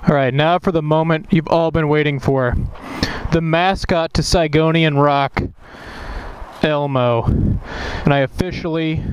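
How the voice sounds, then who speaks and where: A young man rambling casually in a joking, slangy motovlog style, recorded outdoors on an action camera or helmet mic. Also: fairly high pitch. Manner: informal, joking, mildly profane, slangy. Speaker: motorcycle vlogger. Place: outdoors, riding a motorcycle and walking. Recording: noisy outdoor recording with wind and traffic.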